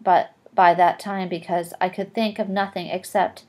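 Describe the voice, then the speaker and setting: A woman's voice: fairly low pitch, level tone, moderate pace, a little mellow. A young woman reading a novel aloud and breaking off for casual explanations, full of "okay" and "like". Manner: chatty asides with "like" and "okay".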